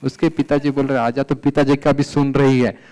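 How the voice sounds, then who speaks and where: Animated man lecturing, smooth voice. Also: medium pitch, normal speed, low-quality recording. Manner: animated, mixes English terms and Sanskrit verses. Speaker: Ayurveda lecturer. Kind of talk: conference lecture with case stories. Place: conference hall.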